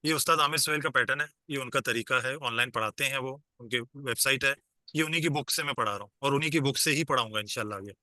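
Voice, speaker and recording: A man's voice: medium pitch, bright, forceful tone, no echo. A man teaching an online class, explaining patiently step by step and quizzing his students as he goes, heard over a video call.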